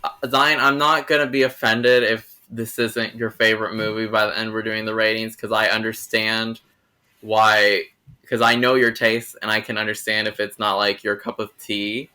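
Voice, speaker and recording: A man's voice: lowish voice, level tone, moderate pace, bright, forceful tone, clean tone. A young man hosting a casual film review, rambling and restarting his sentences. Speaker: host.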